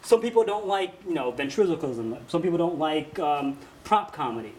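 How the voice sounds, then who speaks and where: Chatty male comedian, lively pitch. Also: moderate pace, rough recording. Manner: chatty, lots of fillers. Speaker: stand-up comedian guest. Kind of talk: casual chat. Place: TV studio.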